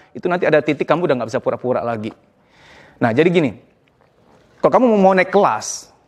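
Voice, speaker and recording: A man with a slightly higher voice gives a casual, lively psychology lecture. He talks to his listeners directly and acts out the people he quotes. Now and then he drops in a phrase in English. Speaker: psychology speaker.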